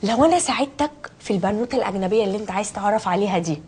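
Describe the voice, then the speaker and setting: An actress playing a scolding, exasperated older sister with an Egyptian accent. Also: female voice, medium pitch, animated, very fast, darkish tone, slightly rough. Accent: Egyptian Arabic. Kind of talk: comedy sketch acting.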